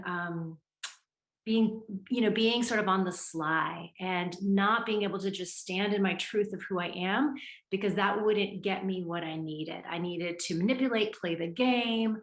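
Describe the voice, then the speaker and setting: A woman's voice: mid-range voice, fairly bright tone. A woman panelist speaking reflectively at a conference, thinking aloud and correcting herself as she goes. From born in Lebanon, moved as a young child. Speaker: panelist, activist and trauma specialist. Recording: echoey room.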